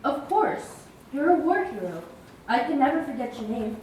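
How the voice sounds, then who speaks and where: A woman playing a compassionate, calm and steadfast wartime nurse in a stage play. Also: sits high, moderate pace, a little hiss or hum. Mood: gentle, caring. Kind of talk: stage musical play dialogue. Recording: very echoey stage, distant mic, loud music.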